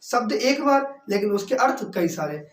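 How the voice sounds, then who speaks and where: A man teaching a class lecture, reading examples out slowly and then repeating the key terms. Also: high-pitched, sing-song. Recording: roomy echo, mic far from speaker.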